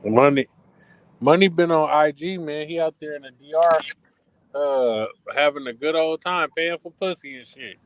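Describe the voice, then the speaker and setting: A male podcast host trash-talks and jokes in a loose, casual chat. His voice sits a little high for a man. He is blunt and playful. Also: moderate pace, no echo, poor audio. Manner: loud, joking trash talk.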